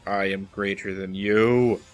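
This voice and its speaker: Talking to the boss in his game, a let's play host gives laid-back commentary that's wry and self-deprecating, backed by video game music. His voice is deep and fairly even in intonation, and he takes his time speaking.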